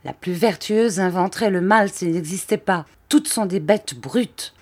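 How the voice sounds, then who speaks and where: A woman reading the lines of a ranting, paranoid middle-aged count in a novel, shouting bitter accusations. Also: fairly low pitch, unhurried, faint music behind. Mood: raging.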